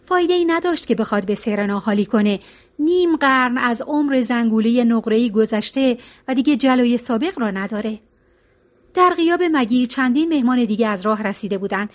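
High-voiced woman narrating a novel. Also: lively intonation. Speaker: audiobook narrator.

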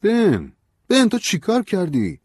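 A man's voice: on the high side, huge pitch swings, breathy edge, no echo, voice pushed up, exaggerated voice. A man voicing a hesitant young woman. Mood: anxious pleading. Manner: hesitant, stammering. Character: young woman, anxious aspiring novelist.

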